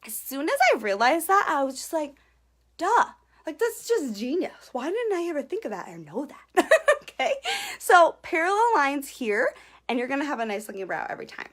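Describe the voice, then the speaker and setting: A young woman talks her viewers through an eyebrow tutorial on a live stream, close to her webcam. Her voice sits a little high and swings widely up and down as she chats. She sounds giggly and self-conscious, checking in with "okay?" after almost every point. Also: sing-song, brisk, a bit bright, a little hiss or hum. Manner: chatty, peppered with "okay?", greets viewers. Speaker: beauty vlogger.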